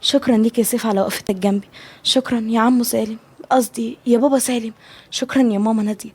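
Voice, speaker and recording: A woman with an Egyptian Arabic accent voicing a strong-willed young wife and new mother, higher and more heated than her narration. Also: steady tone, rapid-fire, a little mellow, husky. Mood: grateful.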